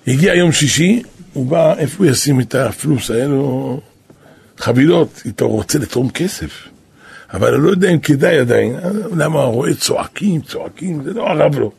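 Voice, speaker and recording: A rabbi gives a storytelling sermon in a gravelly, deeply husky man's voice. He sits a little high and swings widely in pitch, and at times he bursts into loud shouts to drive a point home. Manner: animated storyteller who bursts into shouts for emphasis. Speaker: rabbi and kabbalist teacher.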